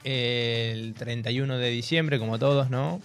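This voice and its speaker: This is a young man with a Rioplatense accent on a radio talk show. He tells his stories with animated energy and keeps breaking into laughter. A faint music bed plays beneath his voice. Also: mid-range voice, moderate pace. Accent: Rioplatense Spanish. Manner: animated storytelling, laughing through it. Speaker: radio co-host. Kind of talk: casual radio chat. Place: radio studio.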